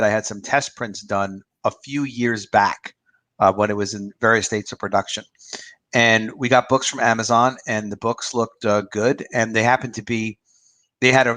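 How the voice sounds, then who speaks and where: In his fifties, this author and publisher has a medium-pitched, slightly bright voice. He rambles through his opinions in a casual livestream chat, and the sound is dry and close with no room sound.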